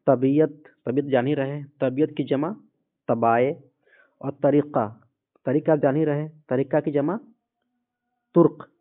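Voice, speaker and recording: A man patiently teaching a word list, saying each word and repeating it slowly. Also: mid-range voice. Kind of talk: vocabulary lesson. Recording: phone-like lo-fi audio.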